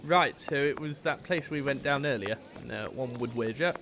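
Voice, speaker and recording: A man's voice: mid-range voice, normal speed, noisy background. A man with a British accent giving casual, exclamatory gameplay commentary with mock-outraged asides. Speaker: game streamer.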